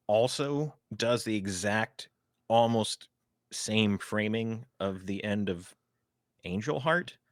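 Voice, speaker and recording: A man's voice: on the low side, fairly bright tone, dry recording, clean studio sound. A man co-hosting a podcast, chatting casually about movies in a rambling way with many fillers. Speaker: podcast co-host. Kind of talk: casual film discussion.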